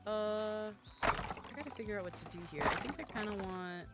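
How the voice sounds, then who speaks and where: A streamer chatting casually with viewers while playing, giggly and quick to apologize. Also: medium pitch, expressive, loud music behind the voice. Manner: chatty, giggly, self-deprecating, talks to chat while playing. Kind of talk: casual game-streaming chat.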